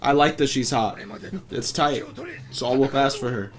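A man's voice: medium pitch, normal speed, faint music behind. A man in his thirties chatting casually as he reacts to a show, joking and swearing in loose slang. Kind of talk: casual chat, reaction commentary. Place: living room couch, indoors.

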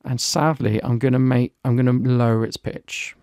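A man giving a relaxed software review, talking through each step on screen as he clicks. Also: medium pitch, moderate pace, no room sound, clean studio sound. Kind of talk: screen-recorded software walkthrough.

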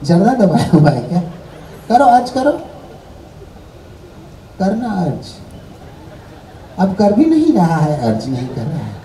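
A man's voice: high-pitched, wildly swooping pitch, a little slow, long pauses, dark tone, reverberant, a little hiss or hum, low-quality recording. A man performing live stand-up comedy on stage, teasing people around him in a playful, bantering way. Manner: teasing, heckling the music man. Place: live show venue, on stage.

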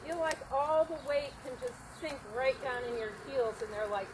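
A woman with a fairly high voice works as a riding instructor in an outdoor arena. She calls brisk, projected commands, often repeated in short bursts and followed by encouragement. The camcorder sound is very noisy, with loud outdoor ambience. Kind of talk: riding lesson coaching. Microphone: camera at a distance.

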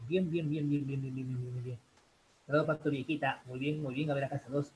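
A man's voice: medium pitch, fairly even intonation, fast talker, a little mellow, a little hiss or hum, low-quality recording. A young man, teaching an English grammar class live online in a chatty way, repeating "chicos" and "bien" often.

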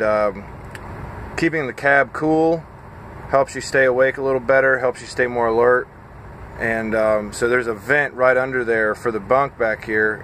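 A truck driver in his thirties films a casual vlog on a phone held at arm's length in his parked cab, rambling and halting with lots of fillers as he sounds tired and a bit scattered. His voice is medium-pitched and a bit bright, with a little hiss or hum.

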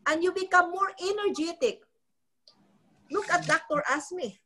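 With a very high-pitched, bright and forceful voice at normal speed, the middle-aged Filipino woman delivers a motivational training session for her network marketing team. She speaks on a live video call from an ornate living room, close to her phone, in a repetitive, preachy style full of restarted phrases.

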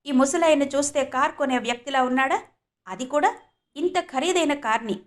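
A woman's voice: sits high, normal speed, voice pushed up, natural voice. A woman voicing a rude, irritable male salesman with a sneering manner.

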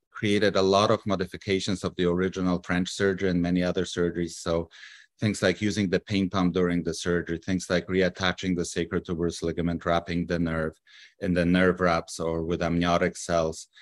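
A man in his fifties with a Polish accent, a surgeon answering questions on a video call from his office, earnest and halting with many fillers and restarts. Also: low-pitched, no echo. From Poland. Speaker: surgeon guest. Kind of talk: live video interview. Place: office with a poster behind him. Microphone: webcam on a video call.

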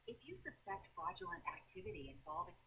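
Woman's bright recorded phone menu voice. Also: fairly low pitch, big pitch swings, husky, low-quality recording. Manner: measured, formal announcing. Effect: recorded automated phone menu message played over a call. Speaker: automated phone system voice. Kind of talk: scripted prompts.

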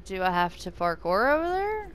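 A woman's voice: mid-range voice, sing-song, moderate pace, slight background noise. Sarcastic, swearing woman gamer. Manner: self-mocking, swears often, sarcastic. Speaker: gamer playing a horror game. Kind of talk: casual let's play commentary. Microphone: desk microphone.

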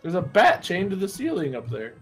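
A man with a very high, lively voice tossing out teasing shouts and jokes while he plays. His quips come short and loud. Faint game music sits in the background. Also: fairly quick. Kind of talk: casual gaming chat.

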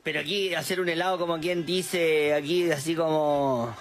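Un locutor de radio con acento chileno que interrumpe al oyente con preguntas breves y comentarios pícaros. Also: male voice, a little high, fairly even intonation, normal speed. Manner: short prompting questions, playful asides. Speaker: radio host.

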